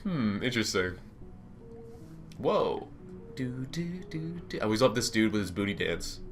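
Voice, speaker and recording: A man's voice: fairly low pitch, very animated, moderate pace. A man in casual chat over gameplay, joking and cursing as he thinks aloud. His voice swings widely, and faint game music plays behind him. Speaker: let's play co-host.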